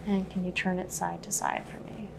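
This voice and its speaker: A woman plays medical examiner in a soft ASMR style, with a noticeable fry in her voice. She guides calmly and gently, step by step, over clearly audible background noise. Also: lowish voice, normal speed. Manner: calm, gently instructing, explaining each step. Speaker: medical examiner giving a physical exam.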